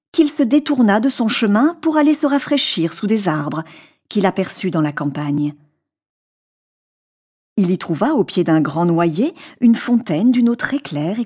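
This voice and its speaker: A woman's voice: mid-range voice, a little mellow, breathy edge. A woman narrating a classic tale as an audiobook, reading expressively.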